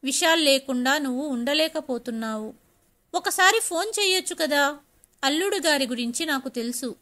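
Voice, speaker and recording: Disappointed middle-aged father, voiced by a woman; firm, reproachful, bright tone. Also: high voice, lively intonation, moderate pace. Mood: stern, pleading.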